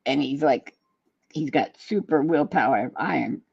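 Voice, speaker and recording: A man's voice: mid-range voice, expressive, moderate pace, creaky, breathy edge, no echo, dull audio. A man co-hosting a casual chat, telling loose, jokey stories. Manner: rambling, jokey storytelling. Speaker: podcast co-host. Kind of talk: casual banter.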